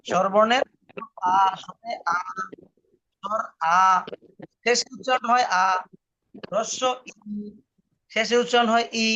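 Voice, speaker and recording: High-voiced man teaching a language lesson. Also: sharp tone. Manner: explains slowly and repeats rules for the student. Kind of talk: patient spoken lesson. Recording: muffled lo-fi online recording.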